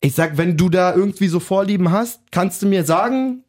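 A man in his thirties from Germany, chatting casually on a podcast, telling a story in slang and acting out quotes loudly. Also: sits high, fairly quick. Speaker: podcast host telling an anecdote.

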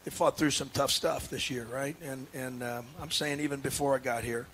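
Man, basketball coach, halting earnest talk, lots of fillers, faint background hiss. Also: medium pitch, steady tone, a bit bright. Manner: halting, many restarts and fillers; earnest, emotional. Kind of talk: casual radio interview.

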